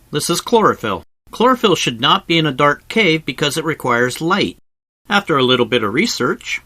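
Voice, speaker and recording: A man's voice: a little high, sharp tone, no echo. A man narrating a travel video as a scripted voice-over, explaining things like an informal tour guide in a conversational way with wry asides. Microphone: close voice-over microphone, recorded separately from the cave.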